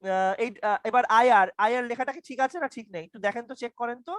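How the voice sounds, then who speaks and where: A man's voice: extremely high pitch, fast, fairly bright tone, no echo. A young man teaching an online university lecture over a video call. He stammers, repeats his questions and quizzes his students. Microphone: computer mic on a video call.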